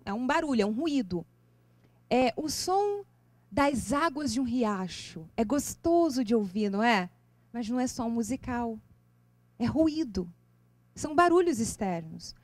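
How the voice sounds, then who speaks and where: A Brazilian woman lecturing to a live audience on music and spirituality, animated and expressive, asking her listeners question after question. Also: no echo. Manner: lively, expressive intonation with sudden leaps in pitch. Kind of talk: seminar talk to a live audience. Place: lecture venue.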